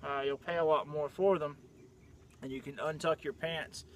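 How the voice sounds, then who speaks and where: Relaxed man, outdoor camera talk. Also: a little high, moderate pace, slight background noise. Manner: relaxed and conversational, frequent "uh" fillers. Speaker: Civil War reenactor showing his uniform. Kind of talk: casual show-and-tell to camera.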